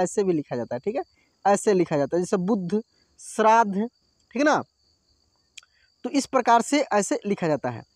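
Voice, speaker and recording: A man teaching Hindi reading, drawing out each word slowly and often checking that the learner follows. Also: high voice, dry recording. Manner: drawn-out word pronunciation, frequent checking "theek hai". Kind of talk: slow spoken reading lesson.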